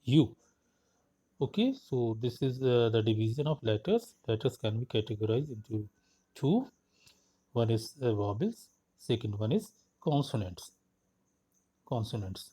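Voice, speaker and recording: A man teaching grammar terms from slides, switching between Hindi and English, slow and repetitive with frequent "uh" and "okay". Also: mid-range voice, dark tone, breathy edge.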